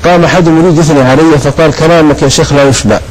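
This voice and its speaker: Fast-talking man telling lively stories. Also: a little high, rough recording. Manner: animated storytelling, voices quoted people. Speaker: guest preacher. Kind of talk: anecdotal storytelling on a TV talk show.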